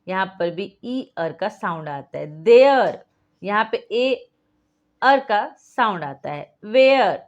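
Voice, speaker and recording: A woman's voice: medium pitch, highs cut off. A woman teaching a phonics lesson, patiently explaining and repeating each rule and quizzing the viewer.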